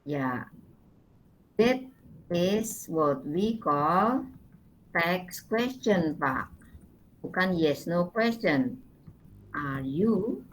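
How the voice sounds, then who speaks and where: Slow-speaking Indonesian woman lecturer. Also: on the low side, lively intonation, rough recording. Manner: slow, patient explaining with many fillers. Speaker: university lecturer. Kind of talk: teaching English grammar in class.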